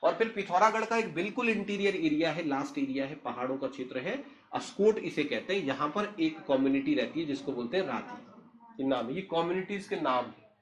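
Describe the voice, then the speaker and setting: Man teaching a lecture, fairly high voice. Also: expressive, brisk. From Tehri district, Uttarakhand, India. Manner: explanatory, asks the class questions and answers them himself. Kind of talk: classroom lecture.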